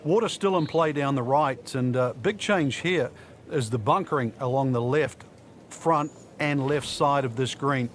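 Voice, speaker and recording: A man's voice: mid-range voice, a little slow, a little hiss or hum, close to an everyday voice. A man playing a folksy, knowing golf commentator, explaining things conversationally for a video game broadcast. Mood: conversational, wry.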